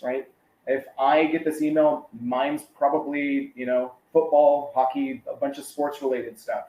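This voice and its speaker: A man's voice: mid-range voice, darkish tone, reverberant, poor audio. A man giving a casual, conversational webinar presentation, with many fillers and asides.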